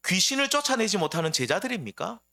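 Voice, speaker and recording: A man's voice: high voice, big pitch swings, fast, vocal fry, bright, forceful tone. A middle-aged man, a pastor preaching a sermon, asking the congregation rhetorical questions and retelling a scripture scene.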